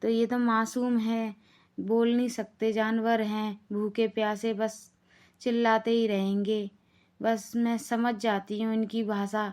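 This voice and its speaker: A woman voicing Lajo, a selfless young daughter-in-law in a cartoon, gentle, patient and reassuring. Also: on the high side, flat delivery, unhurried, lightly acted. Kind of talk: Hindi cartoon voice acting.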